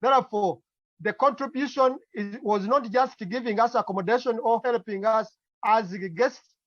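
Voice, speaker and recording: Halting Ugandan man on dull audio. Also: very high voice, a bit bright, dry recording. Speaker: climate activist, guest speaker.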